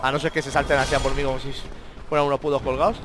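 A man with a Spain Spanish accent giving excitable let's-play commentary, swearing a lot and talking to the enemies on screen. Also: mid-range voice, very fast. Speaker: gamer playing a video game.

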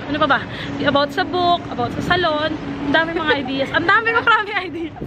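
A woman from the Philippines, a family vlogger, chatting quickly and laughing often, mixing languages. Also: extremely high pitch. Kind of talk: casual vlog chat. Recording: loud street crowd and traffic noise.

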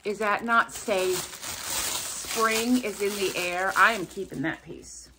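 A woman's voice: mid-range voice, takes it slowly, background noise. A woman vlogger chatting casually to camera while unboxing gifts, gushing and gasping over each one and rambling off into asides. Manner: rambling, jumps between asides. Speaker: vlogger opening subscriber gifts.

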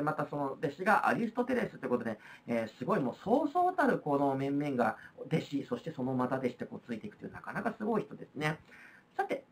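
A woman's voice: fairly low pitch, fairly bright tone. A woman with a Kansai accent teaching a history lesson on video, explaining in a chatty way with frequent fillers. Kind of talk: recorded video lecture.

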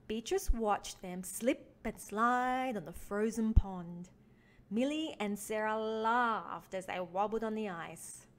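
A woman reading a children's picture book aloud as a teaching artist, with expressive emphasis for young listeners. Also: medium pitch, slow pace. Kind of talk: animated children's storybook read-along.

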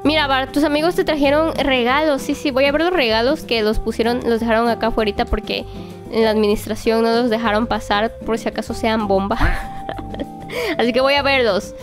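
A young woman narrating her doll play in a lively, exclamatory way, talking to the toys like a babysitter. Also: fairly high pitch, brisk, over music. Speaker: toy play vlogger.

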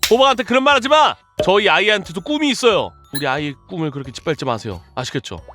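A woman's voice: on the low side, big pitch swings, quick pace, fairly bright tone, soft background music. A woman streaming a casual game, giving playful commentary and scolding the game pieces as if they were children.

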